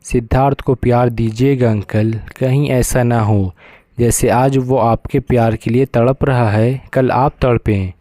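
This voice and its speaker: A man's voice: medium pitch, steady tone, a little slow, warm tone, no echo, lightly acted. A man voicing a bold, blunt young woman who talks back, in a storybook reading. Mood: defiant. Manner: blunt and cheeky.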